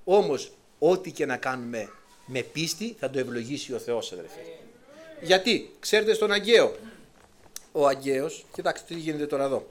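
A middle-aged male preacher delivering a sermon with great emphasis. His fairly high voice swings widely, climbing to urgent peaks and then sinking back down. He exhorts his listeners directly. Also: animated. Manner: emphatic preaching, voice rising and dropping sharply.

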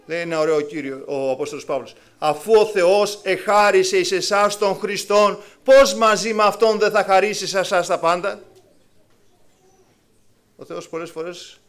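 A man preaching a sermon to his congregation, animated, acting out the voices of biblical people with sudden rises and drops. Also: sits high.

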